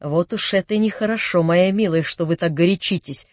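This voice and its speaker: A silky, scheming middle-aged nobleman, voiced by a male narrator flatters at length with polished phrases. His voice sits fairly high and sounds close and dry. Courtesy masks contempt. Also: normal speed, dry recording. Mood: sneering. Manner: smooth, ingratiating, then sneering.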